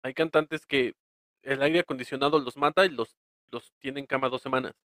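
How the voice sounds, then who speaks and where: A man's voice: mid-range voice, steady tone, moderate pace, a bit bright, no room sound, clean studio sound. A man with a Mexican accent co-hosting a podcast, chatting casually, laughing often and trailing off mid-thought. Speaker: podcast co-host. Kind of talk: casual chat.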